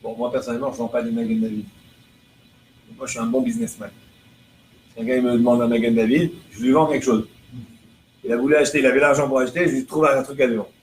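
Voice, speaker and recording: A man's voice: mid-range voice, fairly even intonation, fast, pauses often. A man, a rabbi, giving a religious lesson to a live class, asking rhetorical questions and translating prayer lines phrase by phrase. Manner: explains through chains of rhetorical questions. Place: room with listeners present. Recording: echoey room with faint background noise.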